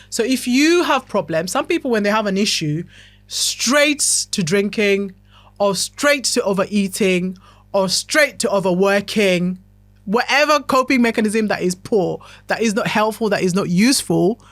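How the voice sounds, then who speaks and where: In a dry recording, a mid-range female voice hosts a podcast offering motivational self-help. Her manner is chatty and talkative, and she keeps checking in with the listener.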